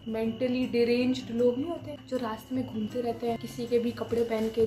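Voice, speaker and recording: Young woman, from India, high voice, rambling late-night vlog, Hindi-English mix, casual swearing, lying on the floor, phone camera, faint guitar music. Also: warm tone. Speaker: vlogger. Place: lying on the floor indoors at home. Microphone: phone camera up close.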